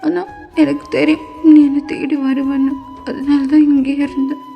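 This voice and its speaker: Woman doing a wounded young wife in a fan audio story, firm and tearful, somewhat high voice, roomy reverb. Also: flat delivery, moderate pace, vocal fry, mellow, soft background music.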